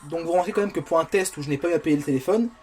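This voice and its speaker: A man's voice: fairly high pitch, racing, a little mellow, soft background music. A man reviewing a phone, chatting casually while he plays games on it, with self-mocking asides. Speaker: tech reviewer. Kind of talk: casual game-testing commentary. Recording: faint background noise.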